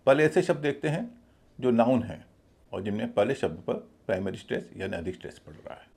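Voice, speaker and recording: A man teaching a pronunciation lesson, his gravelly, raspy voice rising and falling in a lively way. He talks slowly and deliberately, spelling words out letter by letter and repeating each one. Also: medium pitch. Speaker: English teacher. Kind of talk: spoken language lesson.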